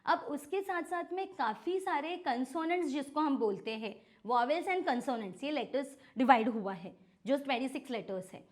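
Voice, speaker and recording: An Indian woman who teaches phonics, explaining as a podcast guest in a mix of Hindi and English and slowly spelling out letters to make her point. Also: high voice, animated. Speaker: phonics educator and franchise owner.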